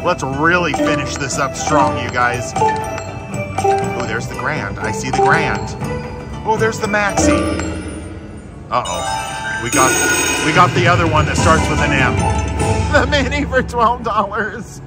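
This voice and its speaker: A man giving casual, excited gambling commentary as a slot video host, coaxing the machine aloud and repeating short phrases. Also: on the high side, slow pace, pauses often. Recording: loud machine music behind. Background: loud slot machine music.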